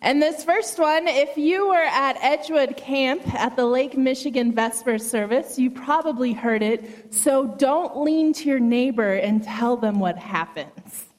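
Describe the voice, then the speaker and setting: High, slow-talking woman telling a church story. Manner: gentle, warm storytelling with voiced characters. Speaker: children's message speaker at a worship service. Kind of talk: storytelling children's sermon. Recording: echoey hall.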